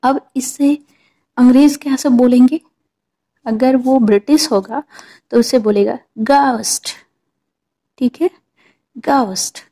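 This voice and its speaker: A woman's voice: high-pitched, steady tone, measured pace, pauses often, dark tone. A woman patiently explaining English pronunciation to viewers, repeating points and checking in with them. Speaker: teacher.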